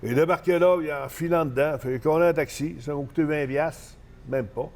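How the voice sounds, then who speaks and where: Older male guest, Saguenay Quebec French accent, animated storyteller, salty language. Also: fairly high pitch, brisk. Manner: animated, swears freely, many fillers. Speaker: guest, professional wrestler. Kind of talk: casual anecdote storytelling.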